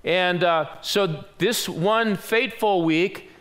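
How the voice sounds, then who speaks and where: A man's voice: high voice, slow pace, fairly bright tone. A man in his sixties preaching a sermon in a church. He tells a story with self-deprecating humor and acts out the voices of the people in it. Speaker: pastor. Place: church sanctuary.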